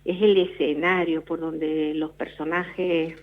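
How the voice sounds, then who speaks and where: A middle-aged novelist from La Palma in the Canary Islands speaks in a low, flat voice, taking it slowly. In a radio interview heard over a tinny phone line, she reflectively tells her story and frequently restarts her sentences.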